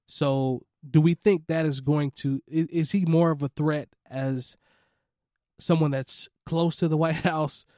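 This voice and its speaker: A man hosting a podcast in casual chat, a little hoarse from allergies, laid-back and laughing often. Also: on the high side, fairly even intonation, a little slow, mellow, no room sound, studio quality. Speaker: podcast host.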